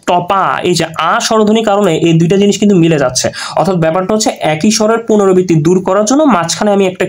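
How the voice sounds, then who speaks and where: A man's voice: sits high, a little mellow. A man teaching an exam-prep grammar lesson, explaining through repeated examples and frequent check-ins.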